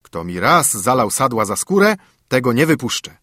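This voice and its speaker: A man's voice: medium pitch, sing-song, moderate pace, sharp tone, no room sound, clean studio sound. A man voicing a clever, fearless young son in a fairy tale, speaking in a raised, eager tone. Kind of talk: storybook narration.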